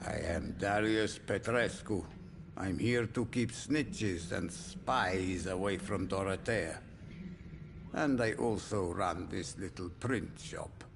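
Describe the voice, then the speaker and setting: An actor playing an old, dying Romanian print-shop keeper, guarded and gruff, then reflective. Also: male voice, low-pitched, slow pace, background noise, full character voice. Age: older. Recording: game audio with loud background music.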